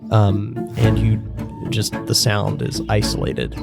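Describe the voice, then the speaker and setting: Slow, halting game master over loud guitar music. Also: male voice, fairly low pitch, lively intonation, creaky. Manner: halting, searching for words. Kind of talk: improvised tabletop game narration.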